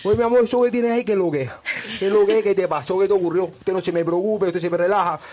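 A charming Cuban guide, put on by a man with a put-on Cuban accent, who fusses, blesses and pleads in a rush. The talk runs fast and animated. A faint hiss sits under the voice. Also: high-pitched, lightly acted. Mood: coaxing. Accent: Cuban Spanish, put on. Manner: sweet-talking, blessing, drawn-out outrage. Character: flirty male Cuban travel guide. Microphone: radio studio mic.

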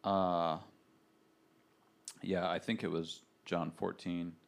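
Man, low voice, hesitant, reflective podcast talk. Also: flat delivery, takes it slowly, vocal fry. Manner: hesitant, many fillers and restarts, reflective. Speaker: podcast co-host. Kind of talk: casual faith podcast chat.

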